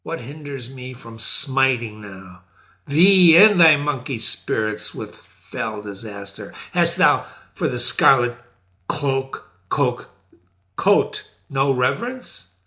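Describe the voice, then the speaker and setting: Man putting on a sly lordly devil, mocking, lively swings, slow and grand. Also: medium pitch. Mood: lordly scorn. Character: sly commanding male devil.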